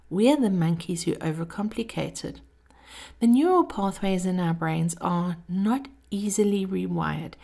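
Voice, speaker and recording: The speaker is a female podcast host reading motivational lines from a script. Her voice sits in the mid-range, a touch mellow and breathy, and her intimate, measured delivery regularly dips toward a whisper.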